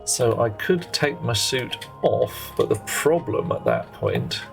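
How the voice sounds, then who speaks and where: A man streams a game live, giving casual gameplay commentary, chatting with viewers in a rambling way and often correcting himself mid-sentence. His gravelly voice is medium-pitched with huge pitch swings, and he takes it slowly. Faint music and a child playing can be heard nearby.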